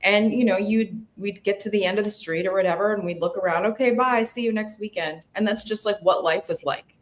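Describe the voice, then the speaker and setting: A woman's voice: mid-range voice, fairly even intonation, a little fast. A woman co-hosting a casual chat, telling a story in a reminiscing, conversational way. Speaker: podcast co-host.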